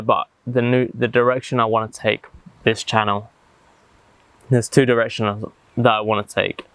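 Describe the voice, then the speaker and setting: A man speaking reflectively and haltingly, with deliberate pauses, as he vlogs outdoors in the jungle. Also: mid-range voice, a bit bright, clear, resonant tone, no room sound. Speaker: vlogger. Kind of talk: reflective talk to camera.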